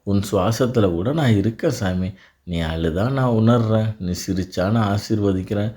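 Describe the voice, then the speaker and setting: A man delivering a devotional blessing in a calm, reassuring voice, speaking directly to the listener. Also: on the low side, moderate pace. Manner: calm, reassuring second-person address. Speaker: devotional narrator.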